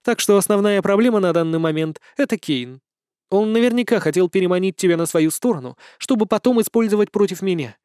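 A man's voice: high-pitched, quick pace, a little mellow, clean tone, dry recording, studio quality, pitched above the performer's own voice, close to an everyday voice. A male audiobook reader voicing a fierce, emotional young woman with divine power. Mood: scornful. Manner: emotional, protective. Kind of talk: audiobook dialogue.

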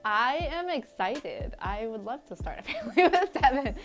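With background music running beneath, a young woman from Liberia answers questions in a curtained studio interview. She talks at a normal speed in a high, sing-song voice, chatty and quick to laugh, with frequent fillers.

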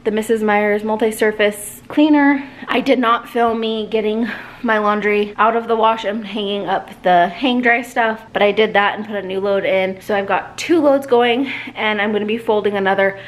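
A woman in her thirties chatting casually to a handheld camera in her kitchen about her cleaning, relaxed and rambling with the odd filler. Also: mid-range voice, normal speed. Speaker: home cleaning vlogger. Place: her home kitchen and living room. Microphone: camera held at arm's length.

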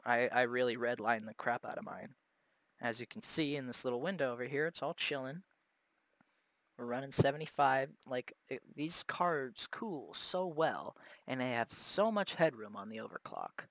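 A man's voice: medium pitch, lively intonation, moderate pace, a bit bright, no room sound. A young man casually talking through graphics card overclocking at home, laid-back and chatty with lots of fillers and the odd swear. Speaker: tech video host. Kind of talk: casual unscripted tech commentary. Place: home gaming setup with loud fans.

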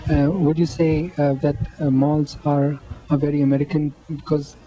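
A man's voice: fairly high pitch, little pitch movement, moderate pace, mellow, soft background music, poor audio. A man, hesitantly interviewing shoppers in a mall with a handheld mic. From Pakistan. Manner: hesitant, many ums and restarts. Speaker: street interviewer. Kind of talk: amateur vox-pop interview.

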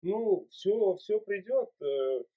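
A man in his forties from Uzbekistan hosts a casual video chat from a small room at home, offering fatherly encouragement. His voice is high-pitched, expressive, slow, and warm. The webcam mic gives tinny, phone-like audio.

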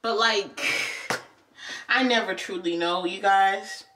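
A woman's voice: medium pitch, slow pace, a bit bright, far from the mic. A young adult woman chatting casually to her viewers as a beauty vlogger, playful and rambling, laughing often. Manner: talks with her eyes closed. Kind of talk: casual chat to camera.

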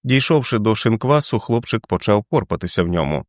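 Male narrator, low register, even measured delivery, dry studio sound. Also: no room sound. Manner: steady, measured reading. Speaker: audiobook reader. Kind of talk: scripted narration.

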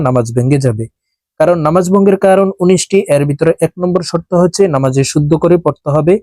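A man teaching Quran recitation step by step, spelling words letter by letter in an earnest, repetitive way and chanting long drawn-out verses. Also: on the high side, dark tone, no echo.

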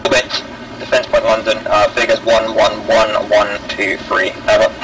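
A man with a low voice issues measured military radio instructions. He sounds set back from the mic, like a distant transmission. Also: completely flat delivery. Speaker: radio operator in military game. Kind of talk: military radio procedure chatter.

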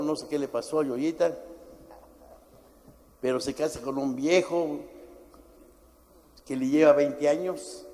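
A middle-aged man preaching a sermon as pastor, forceful and emphatic, swinging from shouts to low asides. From Mexico. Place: church. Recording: church hall with long reverb.

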